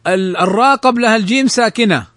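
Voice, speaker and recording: Man, high-pitched, recitation teacher, step-by-step explanations, slow repeated examples, dry close sound. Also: a bit bright, no echo. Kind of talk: lesson on tajweed rules.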